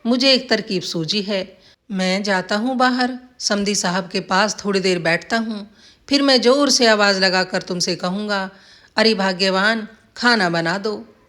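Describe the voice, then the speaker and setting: A woman's voice: mid-range voice, unhurried, fairly bright tone, natural voice. Woman voicing a bossy old village husband. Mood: plotting. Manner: commanding, scolding.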